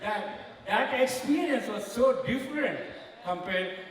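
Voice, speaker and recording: A man's voice: very high voice, animated, measured pace. A middle-aged man from India, fondly telling family stories with frequent laughs in a wedding speech. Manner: fond storytelling, laughing often. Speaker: uncle of the bride giving a speech. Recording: echoey banquet hall, mic far off.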